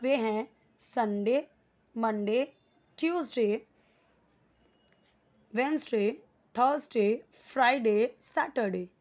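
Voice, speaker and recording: Hindi-speaking woman teaching English slowly. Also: a little high. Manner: explains step by step, repeats words slowly for practice. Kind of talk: Hindi spoken English lesson. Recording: dull lo-fi recording.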